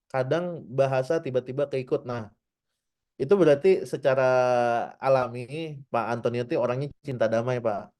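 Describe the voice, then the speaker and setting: With a mid-range, slightly mellow voice at a normal pace, a man in his thirties teaches marketing online in a relaxed, chatty way. As a digital marketing trainer, he calls his listeners "teman-teman," keeps adding little "ya" checks, and performs brief example dialogues.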